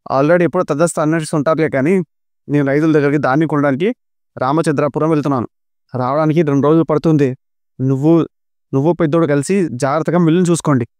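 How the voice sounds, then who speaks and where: A man voicing a calm, firm elder brother who gives instructions. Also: fairly high pitch, quick pace, no echo, close to an everyday voice.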